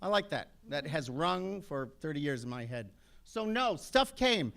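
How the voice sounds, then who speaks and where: Fifties guy on a panel, brash and jokey, kinda high voice, tells stories big. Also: unhurried, creaky. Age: 50s. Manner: brash, animated storyteller with comic asides. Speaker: actor on a panel. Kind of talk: panel talk to an audience.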